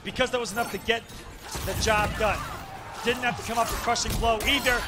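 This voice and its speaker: Male esports commentator, high voice, excitable and emphatic play-by-play of fighting game matches, music behind. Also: fairly quick.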